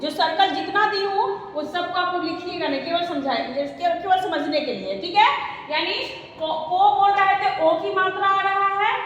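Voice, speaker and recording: In an online grammar lesson, a woman teacher with a Bihari Hindi accent speaks slowly, repeating points and quizzing her students. Her voice is extremely high and fairly bright, with slight background noise. The room is echoey with a long reverb.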